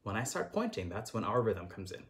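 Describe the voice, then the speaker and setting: A man's voice: on the low side, big pitch swings, brisk, fairly bright tone, a little hiss or hum. A man teaching third graders a music lesson, chanting rhythm syllables and encouraging the children.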